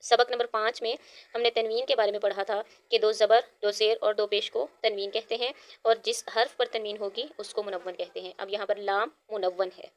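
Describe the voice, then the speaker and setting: A woman's voice: mid-range voice, little pitch movement, a little fast. A woman Quran teacher with a Pakistani Urdu accent, giving a recitation lesson: she spells out syllables one by one with care, then explains the rules.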